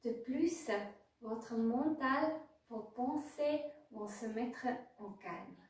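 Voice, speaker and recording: Speaking at a very slow pace, a woman with a high voice and lively intonation leads a guided yoga nidra meditation. Her instructions come in brief, pause-filled phrases, captured from afar in a very echoey space.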